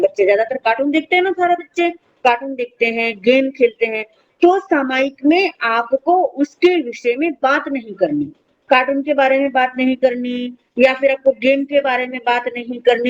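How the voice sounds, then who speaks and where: A woman's voice: high-pitched, highs cut off. A woman teaching an online religious class to children, patiently explaining each point and answering her own questions. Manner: patient, asks questions then answers them herself.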